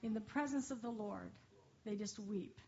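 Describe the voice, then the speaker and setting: A woman speaking at a church service, giving her testimony in an effusive, praising way. Her voice sits at a middle pitch. The recording is dull, with faint noise underneath. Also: normal speed, gravelly, a little mellow.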